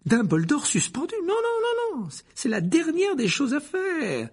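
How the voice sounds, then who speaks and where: A man's voice: very high-pitched, huge pitch swings, a little slow, voice pushed up, heavily acted. A man voicing a flustered, panicky middle-aged male minister who stammers and pleads. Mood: panicked.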